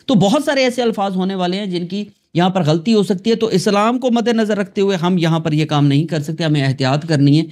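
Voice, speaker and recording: A man from Pakistan hosting a screen-recorded software tutorial, talking chattily to his viewers. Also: high voice, hardly any pauses. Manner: chatty, addresses viewers as "janab" and "dosto". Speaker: tutorial host.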